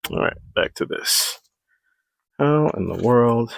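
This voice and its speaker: A homesteading vlogger chats casually as he works on outdoor building at his homestead, thinking aloud with plenty of fillers and breathing hard from the effort. His medium-pitched, creaky voice has lively intonation and an unhurried pace. A small clip-on mic sits close to his mouth, and there's no room sound.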